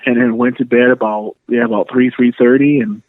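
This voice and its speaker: A New York City man in his thirties, a podcast guest, tells stories over a tinny phone line in a medium-pitched, fairly quick voice. He's relaxed and laughs easily throughout the casual chat, with slight background noise audible.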